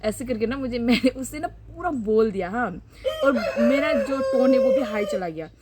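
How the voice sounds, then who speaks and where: A woman's voice: fairly high pitch, sing-song, moderate pace, heavy background noise. A young woman from Northeast India with a Northeast Indian Hindi accent, telling a personal story in a vlog, heated and repeating words for emphasis. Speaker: vlogger.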